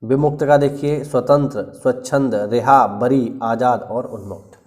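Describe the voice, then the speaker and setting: Man slowly reading out vocabulary lists. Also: mid-range voice, steady tone, darkish tone. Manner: slow, deliberate listing with frequent "ठीक है" check-ins; clears his throat often. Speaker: teacher. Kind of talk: exam-prep lesson reading out synonym lists.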